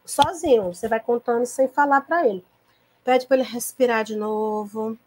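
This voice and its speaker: A woman teacher from lectures other teachers on a video call, her voice sitting a little higher than most women's. She explains calmly and patiently, often pausing to check that her listeners follow. Her throat sounds tickly, as if she needs to cough. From Piauí, Brazil. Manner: calm, patient explaining with frequent checking tags. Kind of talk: recorded online lecture to teachers.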